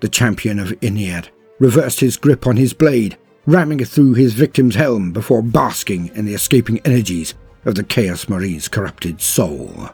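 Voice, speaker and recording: Over faint background music, a man narrates a scripted piece of lore in a grave, theatrical style, drawing out words for emphasis. His voice sits fairly low, with a darkish, slightly rough tone, an animated delivery and a normal pace.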